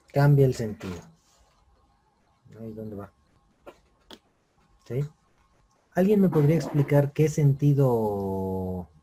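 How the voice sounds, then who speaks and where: A man's voice: mid-range voice, mellow, a little hiss or hum. A man teaching a writing class, explaining step by step and checking in often with his students. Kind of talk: online class lecture.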